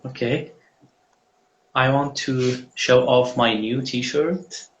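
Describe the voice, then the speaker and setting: A man's voice: medium pitch, steady tone, takes it slowly, lo-fi sound, slight background noise. A man hosting a live online mock job interview over a video call, speaking in a friendly, hesitant way with frequent fillers.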